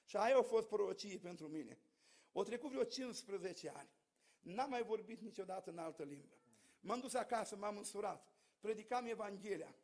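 A man's voice: high voice, animated, darkish tone. A preacher man. He tells his testimony in a storytelling way, then turns fervent and calls out to the congregation. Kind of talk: sermon with personal testimony.

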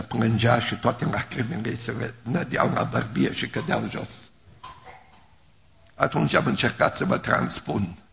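A pastor, telling stories in a fervent sermon that swings from soaring highs to hushed lows. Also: male voice, gravelly, slight background noise. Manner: fervent storytelling preacher, rising to high emotional peaks and dropping low. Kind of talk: sermon storytelling. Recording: reverberant hall.

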